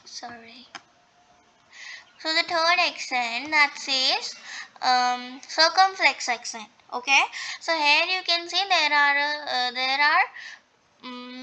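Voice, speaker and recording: Bright high-voiced woman teaching French. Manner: explains slowly with many fillers and repeats. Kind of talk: online language lesson.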